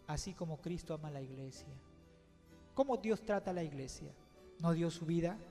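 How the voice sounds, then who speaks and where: A male pastor preaching a sermon, swinging between calm teaching and emphatic outbursts, acting out little quotes from the people he describes. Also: on the high side. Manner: preaching, rising to emphatic outbursts and quoting others in little acted voices. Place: church. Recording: church hall reverb with background music.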